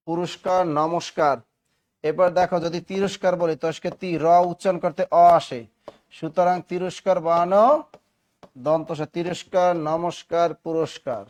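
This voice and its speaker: A Bangladeshi man teaching a spelling class, dictating rules and repeating questions and answers for students to write down, now and then clearing his throat. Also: high voice. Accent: Bangladeshi Bengali. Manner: repetitive, drilling, asks and answers his own questions.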